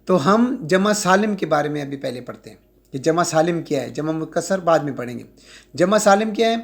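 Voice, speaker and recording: A man teaching an Arabic grammar lecture, slowly drawing out and repeating example words and often checking that students follow. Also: on the high side, animated, gravelly. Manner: slow, drawn-out repetition of example words; checks in with "ٹھیک ہے؟".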